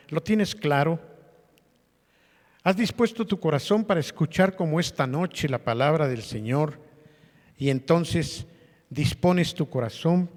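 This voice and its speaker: A male pastor gives a sermon, talking with his congregation and throwing questions at them. His voice sits a little high for a man. The sound carries a long church-hall reverb. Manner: conversational preaching with rhetorical questions to the congregation.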